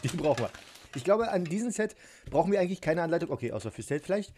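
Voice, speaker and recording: A toy unboxing vlogger unpacks and assembles a set at his home table, filmed from above, chatting casually, giggling often and poking fun at himself. His voice is on the high side, very animated and mellow. He talks at a quick pace.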